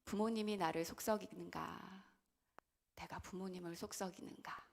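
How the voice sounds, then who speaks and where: A young adult woman pastor preaching a sermon in a church, swinging between loud, impassioned outbursts and hushed whispers, asking her listeners questions directly. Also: on the low side, steady tone, normal speed, creaky. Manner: asks the congregation questions directly.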